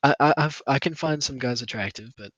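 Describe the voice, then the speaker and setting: A man's voice: medium pitch, brisk, fairly bright tone, breathy edge, no echo, dull audio. A young man, co-hosting a podcast in a laid-back, joking way, sleepy. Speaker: podcast co-host. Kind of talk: casual chat.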